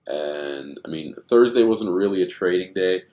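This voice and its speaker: A man's voice: low-pitched, expressive, moderate pace, a little mellow. A man giving casual, rambling commentary on stock charts, thinking aloud with many fillers, tired and yawning.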